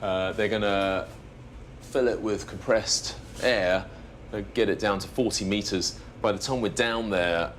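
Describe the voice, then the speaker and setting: A man casually explaining the dive ahead, relaxed and with a few fillers. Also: lowish voice, measured pace, a little hiss or hum. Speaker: presenter.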